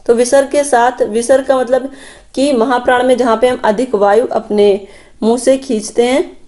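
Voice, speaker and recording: Female tutor, young adult, slightly high voice, patient explaining lecture style. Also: fairly even intonation, normal speed, mellow. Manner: explanatory, addresses viewers as friends, points at slides. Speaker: teacher. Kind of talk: exam-prep Hindi grammar lecture.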